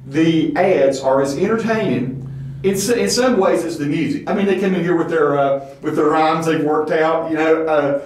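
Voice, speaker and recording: A man's voice: fairly high pitch, moderate pace, darkish tone, far from the mic. A man with a Southern Appalachian accent chatting as an interviewer in a folksy, rambling way. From southern Appalachian United States. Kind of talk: casual conversational interview. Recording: very echoey room, off mic.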